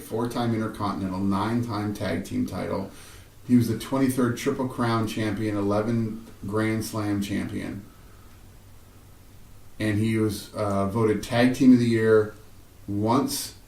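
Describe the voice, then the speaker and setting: A man co-hosting a casual wrestling podcast, animated and quick to rattle off stats with joking asides. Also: lowish voice. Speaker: podcast co-host. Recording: roomy echo.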